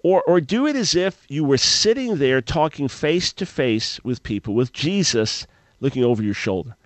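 Man, radio talk show host, earnest, animated, repeats words, middle pitch, dry studio sound. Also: moderate pace, dry recording.

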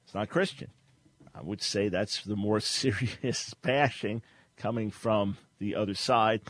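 A man hosting a call-in radio talk show, speaking firmly and earnestly in long steady stretches. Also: on the low side, measured pace, no echo.

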